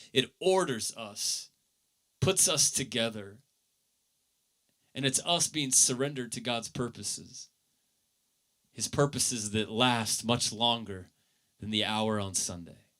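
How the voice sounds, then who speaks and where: A man preaching a sermon as pastor, earnest, with his voice swelling loud and then dropping low.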